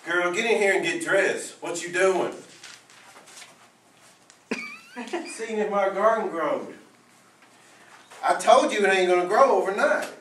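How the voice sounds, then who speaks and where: A man's voice: high voice, sing-song, slow, pauses often, fairly bright tone, echoey room, distant mic, exaggerated voice. A man acting as a fussing middle-aged mother in a school play, scolding in a motherly drawl. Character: fussing Southern mother Rose, middle-aged, bossy but loving. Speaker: student actor.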